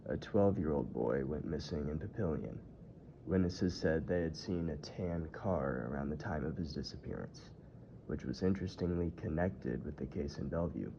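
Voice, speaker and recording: Very deep-voiced man narrating true crime. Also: mellow. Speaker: tour narrator. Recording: muffled audio with clear background noise.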